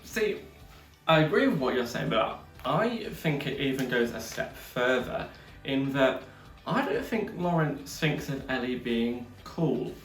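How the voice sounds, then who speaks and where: A man's voice: mid-range voice, big pitch swings, measured pace. Frank guy co-hosting a chat show, swears a bit, roomy echo, mic a bit far off. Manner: frank, swears, builds points at length. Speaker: podcast co-host. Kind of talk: casual review chat. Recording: echoey room, distant mic, faint music.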